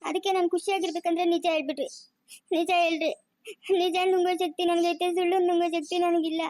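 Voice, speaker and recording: A woman's voice: high voice, little pitch movement, fast talker, a little mellow, lightly acted. A woman playing a pleading, anxious mother. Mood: distressed. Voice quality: emotional, pleading. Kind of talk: amateur family drama acting.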